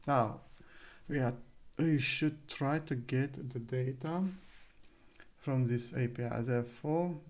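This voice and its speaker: Man, very slow halting coding narration, self-correcting, gravelly, typing and clicks behind. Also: mid-range voice, a little mellow. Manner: halting, thinking aloud with many fillers and self-corrections. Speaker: coding tutor. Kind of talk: live coding screencast narration. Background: keyboard typing and clicks.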